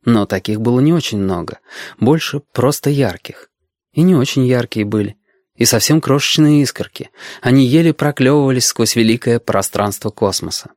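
A man reading an audiobook aloud in a calm, measured storytelling manner. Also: medium pitch, no room sound, clean studio sound. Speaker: audiobook narrator.

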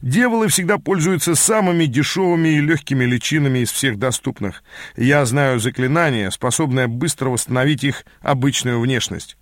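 Chill polite troll guy who knows his spells, read by a man, calm and matter-of-fact, dry sound. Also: medium pitch, normal speed, no room sound, close to an everyday voice. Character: easygoing, polite, learned male troll.

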